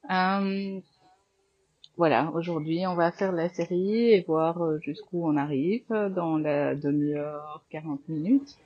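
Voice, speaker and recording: A woman with a French accent guiding a yoga class, giving calm, slow cues with breath counts. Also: sits low, dull audio. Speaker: yoga teacher. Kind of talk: guided yoga class instruction.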